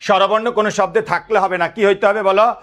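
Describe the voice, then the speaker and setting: Give me a high-voiced male tutor who keeps asking his class to repeat answers. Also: steady tone, quick pace, a bit bright. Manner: drills students with repeated questions; code-switches into English words. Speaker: teacher. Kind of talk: exam-prep lesson.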